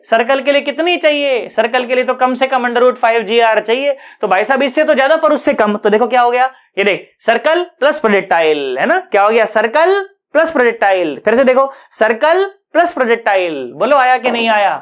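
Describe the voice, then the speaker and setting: A male physics tutor teaching an online class in an easy, colloquial way. He is lively and coaxing, cracks jokes, and slips English terms into his explanations. He keeps checking in with students to make sure they have understood. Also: very high-pitched, brisk, hardly any pauses, smooth.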